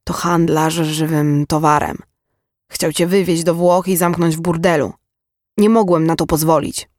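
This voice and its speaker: A remorseful older father speaks quietly and earnestly, measured and firm, as read by a man. The sound is dry and close, with no room around it. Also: fairly high pitch, steady tone, no echo. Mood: hard. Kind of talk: audiobook character reading.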